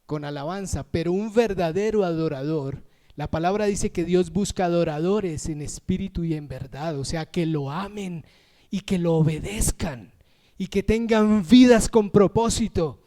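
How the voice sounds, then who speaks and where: A man with a high voice delivers a passionate sermon as pastor. He gets emotional and raises his voice, then drops into short acted-out voices from everyday life to make his points. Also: moderate pace. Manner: emotional, shouts when moved; acts out everyday voices in asides. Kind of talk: lively sermon.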